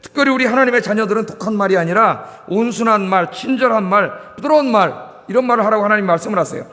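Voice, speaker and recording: A man's voice: high voice, fast, pushed and bright. A middle-aged male pastor from Korea preaching a sermon, asking the congregation questions and repeating key words. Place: church sanctuary. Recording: reverberant church hall.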